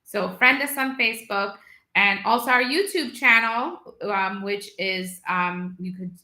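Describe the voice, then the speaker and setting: A woman who grew up in Guyana hosts a live immigration question session from her office over a video call. Her voice is bright and forward, and she answers viewers in a brisk, practical way. She slows down and stresses each digit when she repeats the contact numbers. The room has a noticeable echo. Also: medium pitch. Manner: brisk, repeats phone numbers slowly and emphatically. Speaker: immigration lawyer hosting a live Q&A. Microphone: video call setup.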